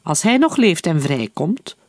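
A man's voice: fairly high pitch, sing-song, a little slow, dry recording, clean studio sound, heavily acted. A man doing a jeering jug-eared soldier. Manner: laughing, jeering.

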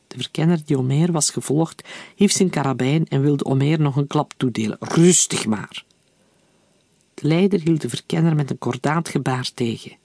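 A man reading a novel aloud in steady, even-paced audiobook narration. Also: a little high, fairly quick, vocal fry, dry recording, clean studio sound. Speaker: reader.

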